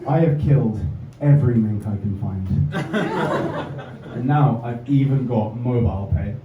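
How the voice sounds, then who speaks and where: A young man from England performs a stand-up set full of dry, self-mocking asides, captured from a distance in a comedy club amid audience laughter and background noise. His mid-range voice moves at a measured pace, and the recording sounds roomy, distant and slightly dull.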